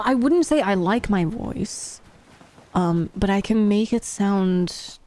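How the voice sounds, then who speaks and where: A woman's voice: fairly low pitch, darkish tone. Chatty, giggly woman streamer. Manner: chatty, giggly, swears freely. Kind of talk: casual live-stream chat.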